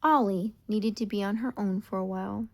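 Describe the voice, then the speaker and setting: A woman with a mid-range voice reads a children's storybook aloud, telling it in an expressive, deliberate way.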